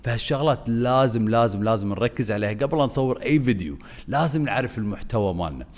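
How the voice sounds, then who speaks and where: A man giving an energetic video lesson as a content coach, swinging his voice up and down on purpose. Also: medium pitch, racing.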